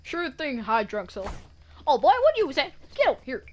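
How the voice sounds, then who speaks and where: High, lively woman bossing a game group. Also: fairly quick, slight background noise. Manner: bossy, giving loud orders to the group. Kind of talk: goofy game role-play chat.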